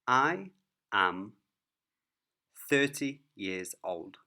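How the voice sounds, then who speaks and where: A man teaching a beginner English lesson, speaking each word clearly and deliberately. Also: on the low side, very animated, bright, forceful tone. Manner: clear, careful word-by-word delivery.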